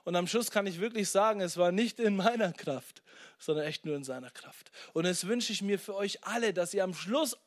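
High-voiced young man preaching. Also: moderate pace. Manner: lively preaching, acts out his own past complaints, repeats key phrases. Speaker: pastor. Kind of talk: sermon.

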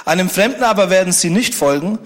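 A man's voice: sits high, expressive, quick pace. A man preaching a sermon, speaking conversationally and joking with the congregation. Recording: long hall reverb.

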